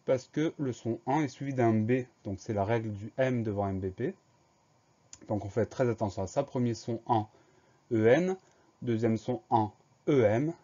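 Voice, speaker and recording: Man slowly spelling out words, dull audio. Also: medium pitch, dark tone. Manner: slow, careful letter-by-letter spelling. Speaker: teacher. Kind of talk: spelling dictation lesson.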